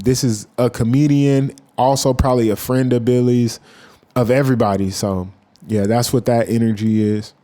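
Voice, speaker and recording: A man giving casual, profane reaction commentary as a YouTuber, rambling with animated asides. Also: mid-range voice.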